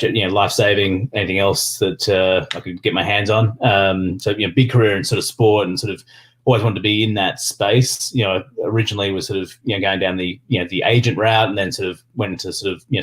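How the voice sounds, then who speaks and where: An Australian man chatting casually as an interview guest, rambling and leaning on filler phrases. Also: on the low side. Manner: rambling, peppered with "you know" and "sort of". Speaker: podcast guest, sports business executive.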